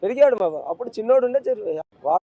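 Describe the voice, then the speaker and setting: A man's voice: sits high, lively intonation, very fast, no echo, narrow, tinny audio. A middle-aged grieving father, speaking in an emotional street interview, pleading and repeating himself. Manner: grief-stricken, repetitive, pleading.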